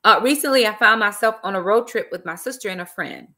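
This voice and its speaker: A mid-range, bright, forceful voice moves at a quick pace as a middle-aged author hosts a casual live stream. She chats into her laptop webcam from an armchair in a small indoor room, dropping "y'all" and bursts of praise.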